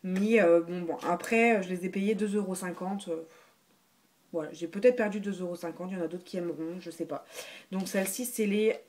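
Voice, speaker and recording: A woman's voice: on the low side, fairly quick, a little mellow. A woman chatting casually through a beauty haul video, hesitant, with many fillers and restarts. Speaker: beauty vlogger.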